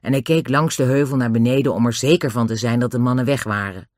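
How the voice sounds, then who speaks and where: A man reading a children's adventure story aloud, in a lively, expressive way. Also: medium pitch, quick pace, no echo, studio quality. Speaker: narrator. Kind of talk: audiobook narration of a children's book.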